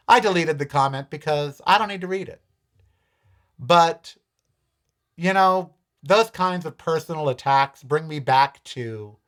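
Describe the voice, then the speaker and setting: A man in his fifties hosting a podcast, chatting candidly and emotionally with his viewers, swinging from loud exclamations to quiet, near-tearful asides. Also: medium pitch. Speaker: podcast host. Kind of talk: casual confessional chat to viewers.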